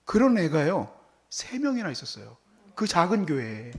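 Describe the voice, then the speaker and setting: A man's voice: fairly high pitch, big pitch swings, normal speed. A man preaching a sermon as pastor, telling stories and acting out how he scolds and comforts his child.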